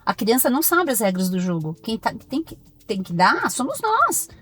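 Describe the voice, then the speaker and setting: A Brazilian woman, a pediatrician, talking as a podcast guest in firm, animated stories full of acted-out dialogue. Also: a little high, moderate pace, slightly rough, faint music behind. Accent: Brazilian Portuguese. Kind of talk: podcast interview conversation.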